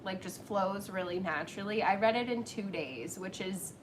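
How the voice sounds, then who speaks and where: A woman's voice: medium pitch, normal speed, background noise. A woman chatting casually on a livestream as co-host, in an easygoing, talkative way. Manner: chatty, laughs easily.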